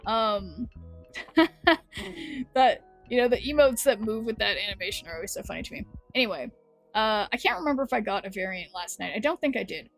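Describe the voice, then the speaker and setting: Chatty woman streamer, slightly high voice. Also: lively intonation, moderate pace, gravelly, soft background music. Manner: chatty, rambling, reads chat aloud. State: losing her voice. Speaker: game streamer. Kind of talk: casual live-stream chat.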